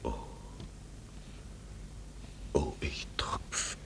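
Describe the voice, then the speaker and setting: Speaking very slowly, an actor voices a middle-aged gentleman in a 1960s German radio drama, a wistful, ironic secret admirer. His courtly, hesitant words can fall to a near-whisper, sounding wounded and yearning.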